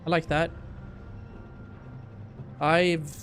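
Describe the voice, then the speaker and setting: Delivered flatly and extremely slowly, this man's slightly high voice is a bit bright. As a livestream gamer host, he plays a video game and talks casually to viewers in slangy chat, game music playing behind him.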